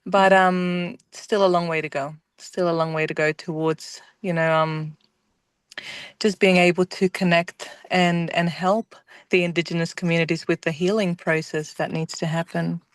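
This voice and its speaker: A woman's voice: on the low side, flat delivery, moderate pace, smooth, dry recording, clean studio sound. A woman from El Salvador, a student in an online class, speaking in an earnest, reflective way.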